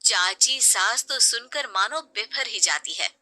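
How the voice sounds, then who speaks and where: A woman storyteller narrating a scripted tale. Her bright voice is lively in pitch and unhurried in pace.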